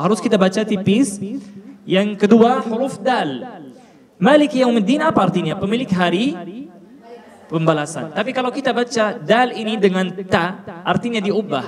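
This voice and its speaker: A high-pitched man teaches Quran recitation, repeating each syllable carefully to model it and quizzing the room. His voice rings with a long hall reverb, and a crowd is clearly audible behind him. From Palestine. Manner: deliberate, repeats sounds to model pronunciation, quizzes listeners.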